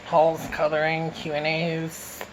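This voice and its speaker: Canadian guy doing a mukbang q&a, kinda high voice, mouth full while talking, noisy phone recording. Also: completely flat delivery, slow pace. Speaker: YouTuber answering viewer questions. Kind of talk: casual mukbang Q and A.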